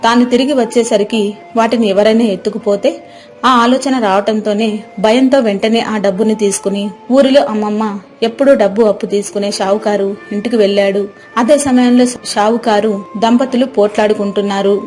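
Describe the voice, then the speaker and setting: A woman narrates a cartoon moral story in a steady, sympathetic manner. Her voice is middle in pitch. Soft music plays faintly under her words. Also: fairly quick.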